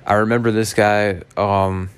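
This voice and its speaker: A man with a raspy, hoarse smoker's voice chatting casually as a solo podcast host, laid-back, slangy and sweary. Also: lowish voice, little pitch movement, measured pace. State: hoarse after a night out.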